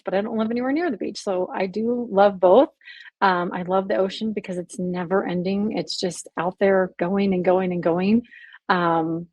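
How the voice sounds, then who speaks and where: A woman's voice: medium pitch, no room sound. A woman guest on a podcast, telling personal stories with enthusiasm. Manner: enthusiastic, gasps and laughs while telling stories. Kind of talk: casual interview storytelling.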